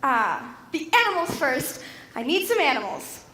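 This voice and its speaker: A woman's voice: high-pitched, big pitch swings, normal speed, sharp tone, full character voice. A young woman acting a bossy, scatterbrained fairy who lives in a mirror, in a school stage play. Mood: brisk. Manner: bossy, theatrical. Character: brisk, vain, scatterbrained female fairy in a mirror. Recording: roomy stage hall with music.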